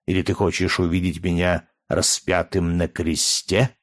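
A man voicing a proud gladiator leader who speaks in a low, menacing, grave voice, rising to anguished cries. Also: little pitch movement, normal speed, no room sound, clean studio sound, lightly acted. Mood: grim.

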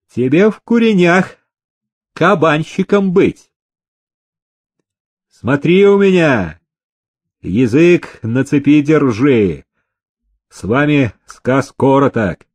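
A man's voice: medium pitch, sing-song, slow pace, a little mellow, dry recording. A man voicing a pompous, bossy male factory overseer who barks orders and turns sugary when mocking.

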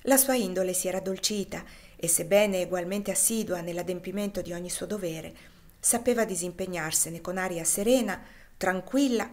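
A woman reading a classic novel aloud as an audiobook, in a measured, expressive narration. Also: on the low side. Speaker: reader.

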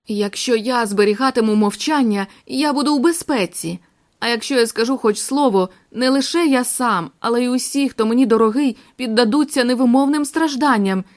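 A woman's voice: fairly high pitch, a little mellow, close to an everyday voice. A woman reading the part of a shaken young man just freed from captivity, speaking in an anguished, faltering way.

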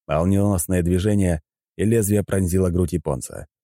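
Deep-voiced male audiobook narrator. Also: moderate pace, no echo, clean studio sound. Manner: steady storytelling. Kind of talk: first-person audiobook narration.

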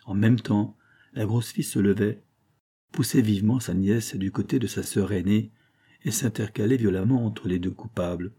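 Guy reading an old novel aloud, low husky voice, measured. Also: warm tone. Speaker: audiobook narrator. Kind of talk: literary audiobook narration.

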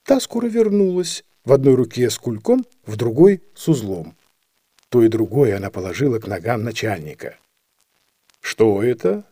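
Expressive male audiobook reader. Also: medium pitch, normal speed, slightly rough, dry recording, clean studio sound. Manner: expressive storytelling. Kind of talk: scripted narration.

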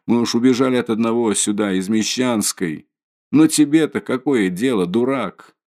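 A man reading an audiobook, voicing a distraught, proud, impoverished widow who talks in a shrill, frantic, haughty way. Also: normal speed, a little mellow, natural voice.

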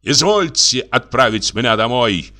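A man's voice: on the low side, animated, moderate pace, bright, forceful tone, faint music behind. A man reading the part of a bitter, furious middle-aged country doctor, harsh and biting, clipping every word. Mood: indignant.

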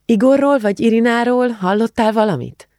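Audiobook figure: male reader voicing a gentle, worried young woman, slightly raised pitch, gravelly edge. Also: no room sound, clean studio sound. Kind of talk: audiobook character voice.

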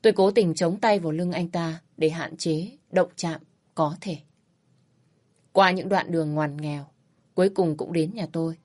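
Narrator: woman, first-person storytelling, steady and reflective. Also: on the low side, normal speed.

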